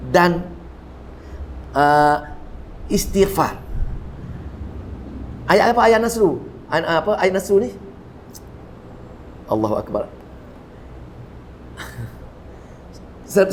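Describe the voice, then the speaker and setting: Malaysian male religious teacher, animated lecture style, acts out quotes, faint background noise. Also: takes it slowly, long pauses. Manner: animated storyteller, swinging pitch for quoted voices, repeats words for emphasis. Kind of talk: Quran commentary lecture.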